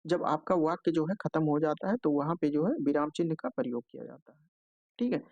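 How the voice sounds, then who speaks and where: A man's voice: on the high side, animated, brisk, gravelly, darkish tone, no echo, lo-fi sound. A man teaching an exam-prep lesson, explaining step by step, often filling with a stock phrase and checking in with "okay" between points. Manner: explanatory, repeats filler "jo hai" often.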